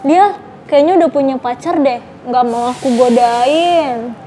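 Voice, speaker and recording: A woman's voice: sits high, unhurried, warm tone, slight background noise. A young woman with a Jakarta Indonesian accent, chatting casually in a playful, teasing vlog style. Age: young adult. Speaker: vlogger making prank calls.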